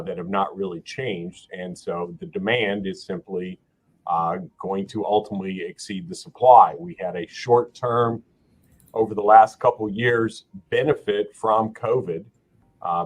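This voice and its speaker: A man who works as an immigration attorney, giving a measured explanation with frequent pauses marked by "uh". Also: deep voice, rough recording. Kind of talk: expert explanation.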